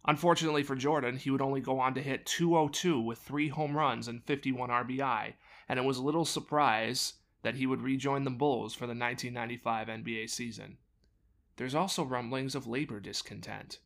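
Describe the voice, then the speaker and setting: A man hosts a sports storytelling podcast, reading from a script in an even, mid-pitched voice. He slips wry, sarcastic jabs into the narration. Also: fairly quick. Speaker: podcast host.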